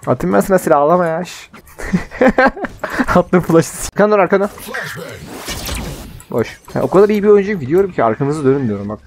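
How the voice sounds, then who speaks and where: A young man and gaming YouTuber talking excitedly in casual banter while he plays, swearing and trash-talking his teammates. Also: high-pitched, a little fast, pauses often, slight background noise. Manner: excitable, profane trash talk. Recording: game music in the mix.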